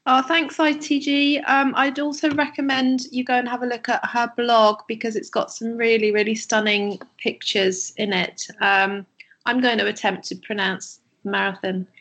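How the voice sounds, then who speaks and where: A woman's voice: on the high side, flat delivery, moderate pace, a bit bright. A woman co-hosting a podcast, chatting casually and encouragingly, with little laughs. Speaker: podcast co-host.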